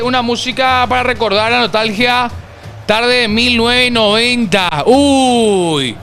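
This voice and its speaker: A young man in his twenties with a high, bright, forceful voice. He hosts a casual football live stream, bantering and reading chat messages aloud. Faint music plays underneath. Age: 20s. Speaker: streamer hosting a football watch-along.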